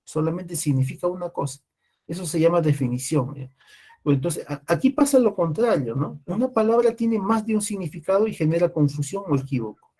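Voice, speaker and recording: A man giving a classroom lecture in a slightly high voice. He talks through his points patiently, often pausing to check that the class is following, and he restarts words as he goes. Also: lively intonation, dark tone, breathy edge. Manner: explains with frequent "¿no?" and "¿ya?" checks, restarts. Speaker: teacher.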